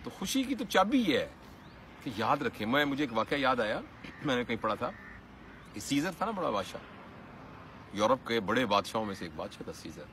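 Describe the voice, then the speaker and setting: A man's voice: mid-range voice, sing-song, normal speed, fairly bright tone, slight background noise. A man giving an earnest motivational talk in a preaching manner, rising to emphatic peaks. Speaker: motivational speaker.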